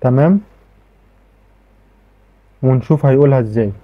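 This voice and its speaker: Speaking at normal speed with medium pitch, an Egyptian-accented man gives a casual, chatty tech tutorial over a screen recording. He says "okay" a lot and often begins his sentences again. The recording has a thin, phone-like sound.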